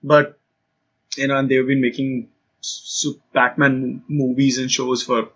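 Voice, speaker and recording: Husky-voiced man chatting on a podcast. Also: mid-range voice, flat delivery, slow, highs cut off. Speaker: podcast co-host. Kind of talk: casual chat.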